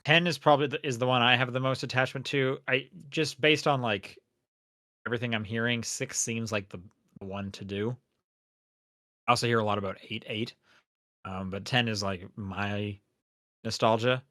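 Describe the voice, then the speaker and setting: A man with an ordinary middle-pitched voice chats on a casual podcast, recorded close and dry. He rambles and hesitates, circling back as he thinks out loud. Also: fairly even intonation, moderate pace, dry recording. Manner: rambling, hesitant, lots of fillers and restarts. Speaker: podcast co-host.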